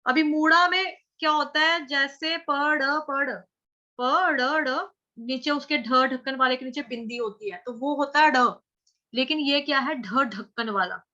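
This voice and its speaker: High, bright-voiced woman teaching chanting slowly. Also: muffled recording. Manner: patient, repeats syllables slowly and chants verse lines. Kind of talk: slow step-by-step pronunciation lesson.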